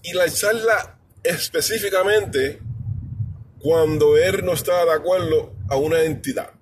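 A man's voice: fairly high pitch, measured pace, slight background noise. A man from New York giving an emphatic, blunt, repetitive political commentary in a casual monologue. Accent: New York Spanish speaker. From New York, USA.

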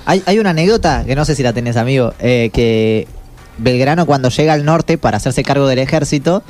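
A man's voice: medium pitch, fairly quick, a little mellow, soft background music. A man hosting a podcast with an Argentine Spanish accent, talking in a rowdy, slangy way. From Misiones, Argentina. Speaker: podcast host. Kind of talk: casual podcast chat.

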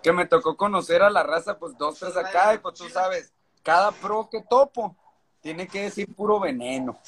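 Casting: man, northern Mexican accent, fairly high voice, casual interviewee talking in sweary street slang and circling back on phrases. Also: normal speed, crowd noise. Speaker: skateboarding event organizer.

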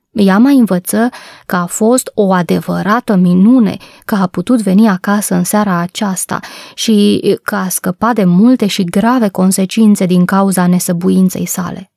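A woman narrating a storybook as an audiobook, reading in a calm, measured way. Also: mid-range voice, gravelly, no echo, clean studio sound.

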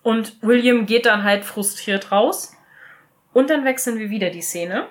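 A young woman co-hosting a casual recap podcast, retelling scenes in a lively, chatty way with lots of fillers. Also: on the high side, unhurried. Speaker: podcast co-host.

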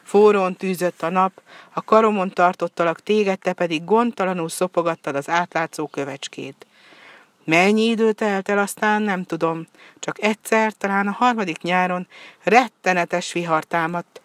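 A woman reading a storybook tale aloud in an expressive way that swells with the action. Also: fairly low pitch, no room sound. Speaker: narrator.

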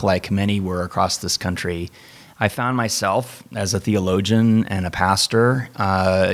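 A man who is a pastor and theologian, hosting a relaxed conversation in a measured, thoughtful way with frequent restarts. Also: fairly low pitch. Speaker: pastor and theologian, podcast host. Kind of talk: casual conversational podcast.

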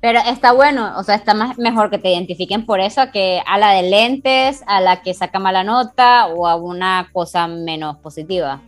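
A woman's voice: medium pitch, normal speed, hardly any pauses. A young Venezuelan woman co-hosting a podcast, chatting casually, teasing her friend and laughing often. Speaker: podcast co-host. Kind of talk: casual chat.

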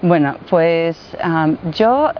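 Woman in her 40s from bosnia, not a native speaker, lots of ums, fairly low voice, muffled audio with a bit of hiss. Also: lively intonation, drawn-out words. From Bosnia and Herzegovina. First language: Croatian. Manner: hesitant, many fillers. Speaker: guest, translator and guide. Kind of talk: interview. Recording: muffled with faint noise.

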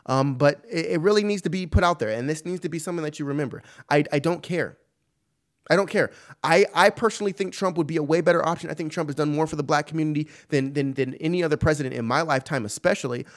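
A man's voice: on the high side, fast talker. A man hosting a podcast, giving impassioned solo commentary with emphatic repeats and rhetorical questions. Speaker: podcast host.

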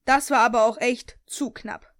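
A woman's voice: fairly high pitch, fairly even intonation, moderate pace, dry recording, studio quality. A young woman casually reading aloud a story she wrote, with slips and self-corrections. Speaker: reader of her own story.

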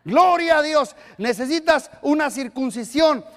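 A man's voice: extremely high pitch, animated, a little slow. An older man preaching as a pastor, emphatic and repetitive, leading the congregation in call-and-response. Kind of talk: energetic Pentecostal-style sermon.

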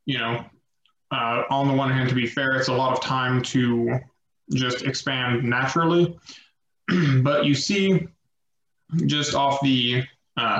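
A man narrating as game master of a tabletop game, slow and halting with many fillers. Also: mid-range voice, a bit bright, roomy sound, a little hiss or hum, rough recording.

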